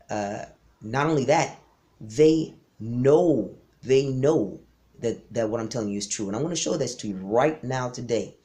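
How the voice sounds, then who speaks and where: A man's voice: medium pitch, dark tone. A man gives a history lecture straight to the camera in a mid-range voice. He talks emphatically and insistently, and he often doubles back on his words. He sounds like an instructor correcting his students. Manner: emphatic, insistent, frequent restarts. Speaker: martial arts instructor.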